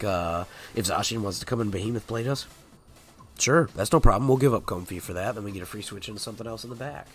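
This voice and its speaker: A man's voice: on the low side, fairly bright tone. A man with a stuffed-up nose from a cold, chatting casually as host of a competitive game video, with lots of filler words. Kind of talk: casual gameplay commentary.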